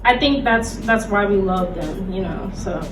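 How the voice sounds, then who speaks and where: A woman gives an informal presentation on a convention panel, speaking casually and conversationally with some hesitation. Her voice is medium-pitched and measured in pace. The mic sounds distant in a roomy space, and loud music plays in the background.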